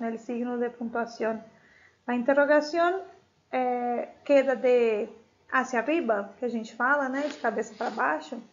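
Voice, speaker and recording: Brazilian woman, high voice, Spanish teacher, patient repeat-and-explain delivery, dull lo-fi recording. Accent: Brazilian Portuguese. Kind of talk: recorded remote class, explaining a text.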